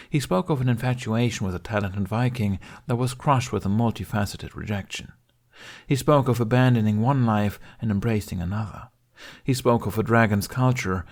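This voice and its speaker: Reading scripted fiction in an audiobook style, a man narrates with a lowish, creaky voice. His tone is on the dark side.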